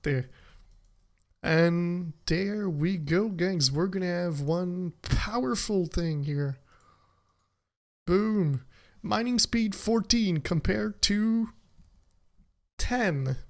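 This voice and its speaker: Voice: mid-range voice, extremely slow. A game streamer giving casual, chatty commentary to viewers while playing, laughing often.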